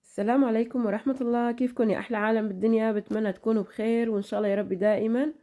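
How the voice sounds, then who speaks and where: A woman's voice: a little high, steady tone, rapid-fire, dark tone. A middle-aged woman with a Levantine Arabic accent chatting to her followers in a vlog, her voice still tired after an illness, chatty and full of blessings. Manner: chatty, repeats blessings and fillers. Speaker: vlogger. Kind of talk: casual chat to followers.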